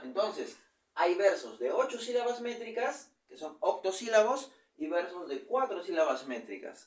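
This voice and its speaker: A man's voice: a little high, fairly bright tone, distant mic. A man teaching a virtual literature class, explaining step by step and often checking in with his students. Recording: echoey room, voice off-mic.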